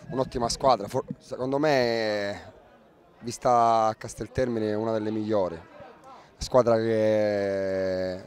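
A man's voice: fairly low pitch, darkish tone. A man, a football coach giving a post-match interview outdoors into a handheld microphone. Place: outdoors by a fence at a football ground.

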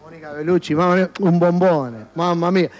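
High-voiced joking TV host. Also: male voice, moderate pace, darkish tone. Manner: joking, teasing banter with mock outrage. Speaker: comic TV host. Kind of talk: comic street interviews. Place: indoor studio and shops. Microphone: handheld microphone.

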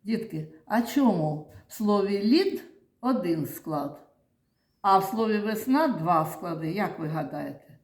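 A woman's voice: medium pitch, animated, unhurried, a little mellow. A woman teaching young children in a classroom, patiently stretching words into their syllables and sounds and praising often. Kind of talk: classroom lesson. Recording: echoey classroom.

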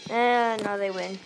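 Yelping and pleading at the game, a Malaysian-accented woman from Malaysia runs excitable let's-play commentary for her gaming channel. Her voice is mid-range, and she holds a tablet microphone up to her face.

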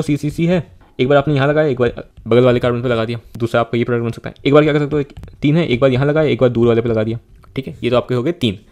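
A man's voice: mid-range voice, darkish tone. A man teaching an online chemistry lesson, asking questions and answering them himself as he works through each step. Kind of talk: online exam-prep lecture.

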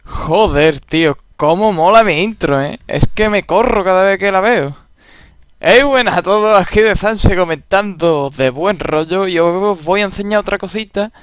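A man's voice: high-pitched, moderate pace, clear, resonant tone, no room sound. A young man with an Andalusian Spanish accent, joking through casual gameplay commentary in a laid-back, drawling way. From Andalusia, Spain. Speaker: gaming YouTuber.

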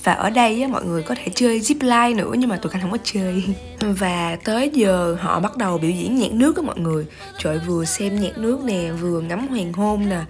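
A young woman with a Southern Vietnamese accent, chatting enthusiastically to viewers in a casual travel vlog while filming herself at arm's length. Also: medium pitch. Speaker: vlogger. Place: outdoor shopping mall and shops. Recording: music playing under the voice. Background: background music.

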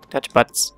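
A gaming channel host gives laid-back, chatty commentary on his own video game play, largely addressed to himself. When excited, he talks in quick bursts.

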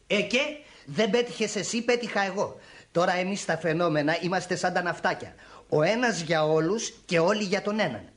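A man's voice: high voice, a bit bright. An actor playing a boastful, nosy male busybody in a radio drama, with a swaggering, coaxing manner.

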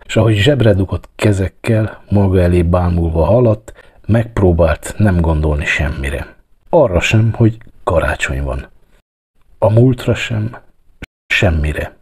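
A man narrates a written story, steady and measured. His voice sits very low, with a husky, slightly breathy grain.

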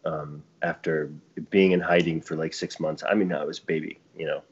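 A man's voice: a bass voice, fairly even intonation, fairly quick, slightly rough. A middle-aged man from Chile, a podcast guest telling a long family story in a rambling way that keeps restarting itself. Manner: rambling, self-interrupting storyteller. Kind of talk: casual podcast conversation. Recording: dull lo-fi audio.

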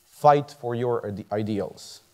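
A man's voice: mid-range voice, takes it slowly, warm tone. A man, a medical student giving a motivational talk on a large theater stage. He speaks earnestly, chuckles often and restarts words. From Croatia. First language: Croatian. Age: 30s.

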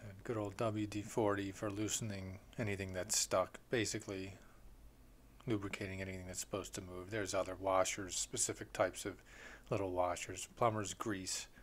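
A plumbing contractor walks through his tools off camera, speaking plainly and unhurriedly with many "uh" fillers. His voice is low and flat, at a moderate pace.

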